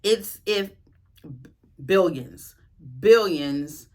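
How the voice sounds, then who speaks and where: A woman from the US South, reviewing a series as an author in a chatty, expressive way with slangy asides. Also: lowish voice, extremely slow. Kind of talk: casual spoken review.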